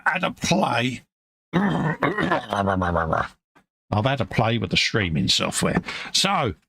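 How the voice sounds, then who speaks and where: Chatty British man with a lively voice. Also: mid-range voice, creaky. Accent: British English. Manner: banter-filled, calls people mate, chuckles often. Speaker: co-host of a model-building live stream. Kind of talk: casual chat. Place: home workbench.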